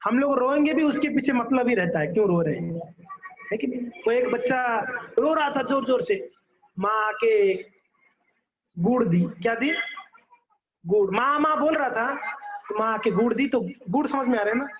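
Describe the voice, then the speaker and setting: A man's voice: very high voice, lively intonation, moderate pace, pauses often, narrow, tinny audio. A man giving a devotional sermon, telling stories animatedly and acting out the characters while asking his audience questions. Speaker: preacher.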